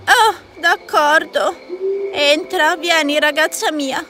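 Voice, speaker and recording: Lady doing a sweet old auntie, squeaky high voice, soft music. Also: takes it slowly. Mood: surprised, kind. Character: kindly old aunt, a woman.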